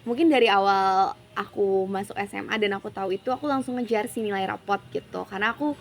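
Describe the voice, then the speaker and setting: A woman's voice: medium pitch, fast talker, gravelly, slight background noise. A young woman from Jakarta, a university student, chatting casually as an interview guest and dropping English phrases into her speech. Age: young adult.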